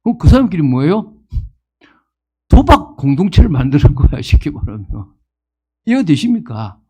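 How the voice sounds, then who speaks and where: Animated Korean pastor in his fifties. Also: on the high side, normal speed, breathy edge. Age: 50s. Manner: animated, asks the congregation questions and acts out quoted people. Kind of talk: sermon.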